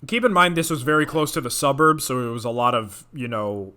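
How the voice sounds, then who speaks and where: A young man co-hosting a podcast, telling a story in casual chat, animated and swearing often. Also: mid-range voice, brisk. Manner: animated, swears a lot, acts out quoted voices. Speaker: podcast co-host.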